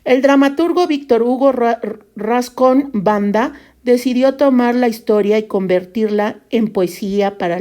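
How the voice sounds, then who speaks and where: A woman presenting a lesson in a measured explanatory tone, using fillers such as "este" and "pues.". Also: mid-range voice, mellow.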